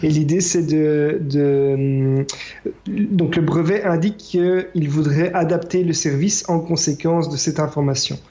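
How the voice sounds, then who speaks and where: A man explaining a tech news item in a measured way, with some hesitation. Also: on the high side, fairly even intonation, dark tone. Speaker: podcast guest contributor. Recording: dull lo-fi sound.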